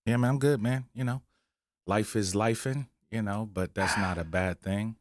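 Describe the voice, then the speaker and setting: A man's voice: on the low side, fairly even intonation, normal speed, no room sound, clean studio sound. A man in his forties co-hosting a casual podcast, easygoing and full of fillers. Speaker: podcast co-host, rapper. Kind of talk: casual chat.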